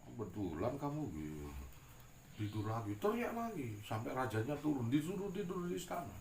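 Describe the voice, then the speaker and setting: A man telling a story with humor in a sermon, animated and joking. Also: mid-range voice, normal speed, vocal fry. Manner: animated and joking, mixing in local slang. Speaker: preacher. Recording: echoey room with faint noise.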